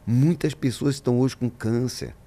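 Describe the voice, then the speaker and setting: A man's voice: medium pitch, moderate pace, mellow. A man, a pastor, talking in a podcast interview, preaching-style and emphatic, acting out the voices in his stories.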